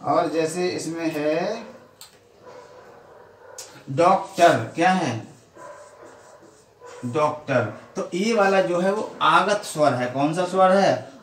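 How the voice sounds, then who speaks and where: A man's voice: high voice, unhurried, fairly bright tone, far from the mic, slight background noise. A man teaching a Hindi grammar lesson with a Badaun accent, asking questions and then answering them himself. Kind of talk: classroom lesson. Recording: echoey room, voice off-mic.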